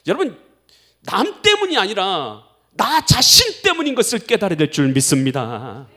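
A middle-aged pastor delivers an emphatic sermon in a fairly high voice. His pitch swings widely as he presses his points. He keeps addressing the congregation directly and slips into spoken prayers. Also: huge pitch swings, moderate pace, sharp tone.

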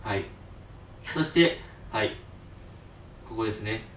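関西なまりの若い男性ホストが、場面を声色で演じながら笑い混じりにくだけた調子で作品愛を語る。. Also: male voice, on the low side, takes it slowly, slight background noise. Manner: excitable, acts out scenes in voices, laughs often. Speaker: host. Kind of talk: casual fan talk. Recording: roomy echo, distant mic.

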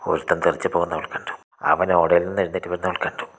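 A man narrates a scripted short story. His voice is deep and husky, with a bright edge. He reads briskly and often drops into a breathy half-whisper. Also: flat delivery.

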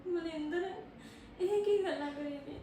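A woman's voice: very high voice, a little slow, warm tone. A woman acting in a family drama, speaking in a grieving, resigned way. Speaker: actor in a family web drama. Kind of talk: scripted family drama dialogue. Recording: echoey room, far from mic, background noise.

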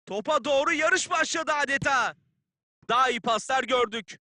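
An actor playing a keen football play-by-play announcer in a video game, calling the match in clipped phrases. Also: male voice, very high-pitched, moderate pace, sharp tone, no echo, clean studio sound, full character voice. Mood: keen, tense.

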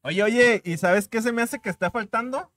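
A man's voice: high-pitched, normal speed, a bit bright, no room sound. A male podcast host with a Mexican accent, bantering casually with slangy jokes. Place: indoor studio set.

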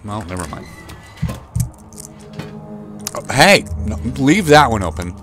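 A man's voice: fairly low pitch, very animated, takes it slowly, fairly bright tone, faint music behind. A young man commentating a horror game he is playing, swearing often and yelping in panic when monsters appear. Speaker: game streamer.

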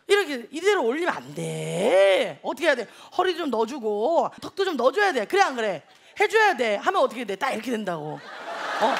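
Heavily acted and creaky, a man's very high voice portrays a chatty, brash young woman teaching online lectures in a comedy sketch for TV. He is loud and boastful and needles the live audience, with studio laughter and noise audible.

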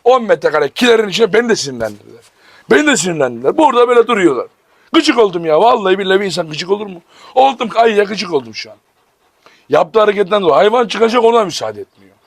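A man's voice: high-pitched, big pitch swings, rapid-fire, no room sound. A man running a dog farm vlog, calling commands to his dogs and talking animatedly to his viewers. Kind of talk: casual vlog narration.

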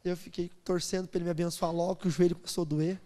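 Animated pastor preaching in a reverberant hall. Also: male voice, high voice, racing. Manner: animated, playful, acts out voices, builds to loud preaching. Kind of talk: sermon with storytelling. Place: church hall.

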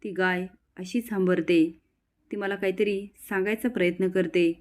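Woman doing sly cop guy, all flattery, smooth talk. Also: medium pitch, normal speed, lightly acted. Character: sly flattering male police inspector.

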